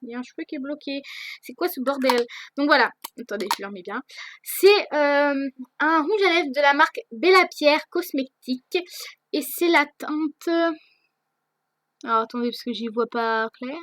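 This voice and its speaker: Hesitant teenage girl, high voice. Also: normal speed, fairly bright tone, no room sound. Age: teens. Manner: hesitant, many fillers and restarts, swears casually. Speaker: vlogger answering viewer questions. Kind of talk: casual chat.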